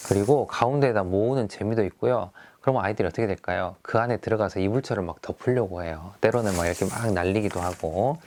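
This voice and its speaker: A man's voice: fairly low pitch, fast talker, few pauses, a little mellow, a little hiss or hum. A middle-aged male teacher who talks through classroom activities in a friendly, explaining way, often starting with fillers.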